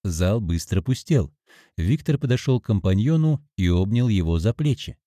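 A man narrating an audiobook in an expressive storytelling manner. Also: lowish voice, moderate pace, no echo, clean studio sound.

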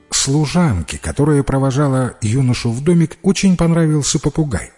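A man narrating a fairy tale in an expressive storytelling manner. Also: mid-range voice. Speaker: reader.

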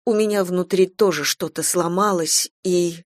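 A woman's voice: on the low side, fairly even intonation, measured pace, no room sound, studio quality. Woman reading a novel in first person. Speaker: audiobook narrator.

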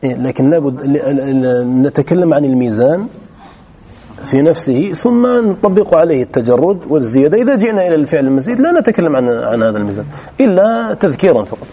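A man's voice: fairly high pitch, animated, fast talker, dark tone. A man teaching a grammar class who explains step by step and often repeats his key phrases. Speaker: teacher of Arabic morphology. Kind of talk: classroom lesson.

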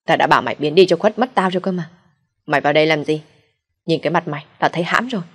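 A woman voicing a spiteful, sick elderly mother-in-law who scolds coarsely, in a low, husky voice. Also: racing, fairly bright tone. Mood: scolding.

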